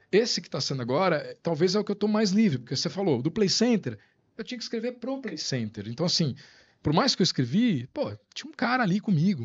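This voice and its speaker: A man's voice: a little high, slightly rough, dry recording, muffled recording. A man guest on a podcast, chatting casually and telling stories with lots of slang and acted-out quotes. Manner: animated storyteller, slangy, acts out quotes. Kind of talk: casual chat.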